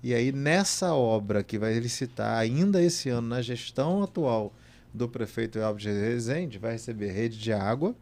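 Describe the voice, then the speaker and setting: A man on a panel laying out public works plans and chiming in briskly. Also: medium pitch, animated, darkish tone. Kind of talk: panel discussion.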